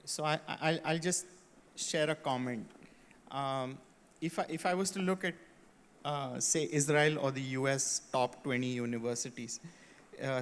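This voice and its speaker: A man's voice: mid-range voice, a little hiss or hum. A man on a conference panel sharing views thoughtfully, often restarting his sentences. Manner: thoughtful, hesitant starts. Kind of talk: panel discussion. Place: conference hall. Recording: long reverb of a hall.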